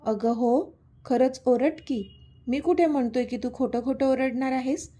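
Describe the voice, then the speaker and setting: Voiced by a woman, a stubborn young lover speaks in a storybook tale, teasing and insistent. His voice sounds mellow and a little husky. He pushes for answers and won't let the matter drop. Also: sits high, fairly even intonation, unhurried.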